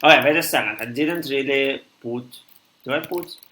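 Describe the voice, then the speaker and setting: A young man in his twenties from Russia with a Russian accent, thinking aloud haltingly as he codes on a live stream and answers chat. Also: medium pitch, bright, forceful tone, reverberant, rough recording. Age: 20s. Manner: halting, thinks aloud with many pauses and restarts.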